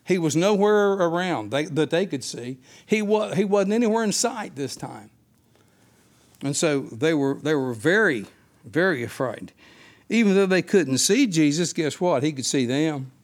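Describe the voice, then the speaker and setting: Male Bible study teacher, fairly high voice, unscripted sermon delivery with rhetorical questions. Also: expressive, unhurried.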